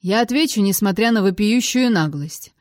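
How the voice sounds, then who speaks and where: A woman reading an audiobook, voicing a smooth-talking middle-aged male casino owner who is genial and flattering. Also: mid-range voice, normal speed, no echo, studio quality, voice pushed up, close to an everyday voice.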